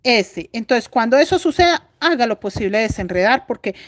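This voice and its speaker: Speaking fairly quickly in a slightly high, sing-song voice, a middle-aged woman with a Colombian Spanish accent runs a live-stream crochet tutorial. She thinks aloud while stitching, chatty and confiding.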